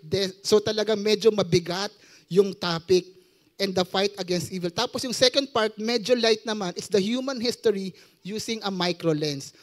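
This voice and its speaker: A young adult man with a Filipino accent preaching a sermon, joking and quizzing his audience as he mixes Tagalog and English. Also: high-pitched.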